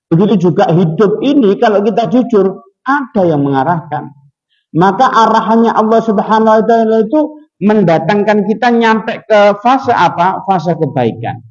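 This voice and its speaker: A man's voice: sits high, animated, moderate pace, a little mellow, muffled recording. A man preaching a sermon, telling a story and posing rhetorical questions.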